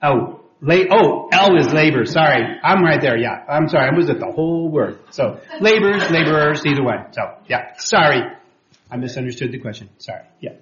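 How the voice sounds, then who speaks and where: A man teaching a church class on sharing faith, talking conversationally with many fillers and quick apologies when he slips. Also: on the high side, animated, crowd noise. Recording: roomy, dull lo-fi room recording.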